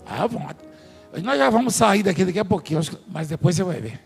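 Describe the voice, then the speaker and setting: A man preaching in a big church hall, his voice high and gravelly with a husky edge. He tells stories and jokes with the congregation and staff. Long reverb hangs on every phrase, with soft music underneath. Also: sing-song, fast. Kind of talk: sermon.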